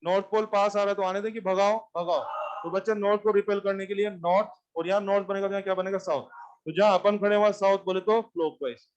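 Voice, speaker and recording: High-voiced physics teacher. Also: male voice, fast talker. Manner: animated, repeats questions to students. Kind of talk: classroom lecture.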